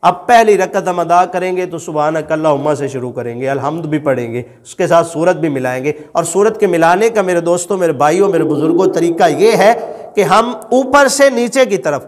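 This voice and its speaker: A man's voice: a little high, expressive, in a large hall. A male religious teacher, lecturing and repeating his points, asking the listeners questions and then answering them himself. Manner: repeats and explains points patiently.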